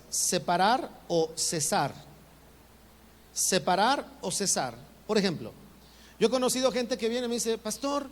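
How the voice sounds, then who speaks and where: A man preaching a sermon as pastor, animated, acting out his congregants' voices. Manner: animated, acts out congregants' voices with rising pitch. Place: church sanctuary. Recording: reverberant church hall, faint ambience.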